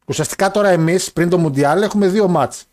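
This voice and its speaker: A man's voice: high-pitched, a little mellow. A young man co-hosting a casual show, joking, laughing and rambling while he reads out listener messages. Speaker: podcast co-host reading listener messages. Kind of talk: casual banter about wrestling and football.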